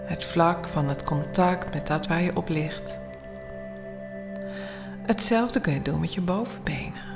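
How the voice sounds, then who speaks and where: A woman leading a guided bedtime meditation in a soothing, hushed, often near-whispered voice with long pauses. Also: on the low side, animated, gravelly, over music. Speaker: guided relaxation instructor.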